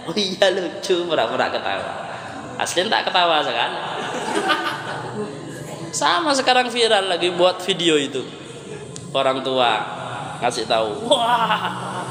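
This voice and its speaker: A man's voice: fairly high pitch, noisy background. A male preacher, giving a chatty, story-filled Ramadan sermon on Quran commentary with Arabic verses mixed in. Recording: echoey hall reverb.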